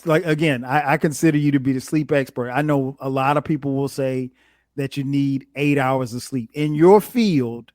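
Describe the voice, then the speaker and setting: A man with a mid-range voice hosts a relaxed, conversational interview. He talks in a colloquial, storytelling way, and the sound is close and dry. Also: mid-range voice, normal speed, no echo. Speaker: interviewer, host.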